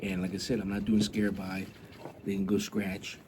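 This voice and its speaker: A man's voice: deep voice, flat delivery, normal speed, a little mellow, a little hiss or hum. A man chatting casually and rambling as a hobby vlogger, blunt and grumbling, with some mild swearing.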